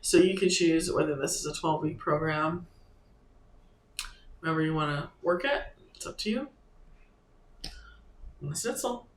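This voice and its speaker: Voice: medium pitch, a little hiss or hum. An online creator coaching viewers through a website setup in a casual screen-share tutorial, talking loosely and thinking aloud. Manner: loose and halting, thinking aloud while clicking through steps. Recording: echoey room with faint ambience.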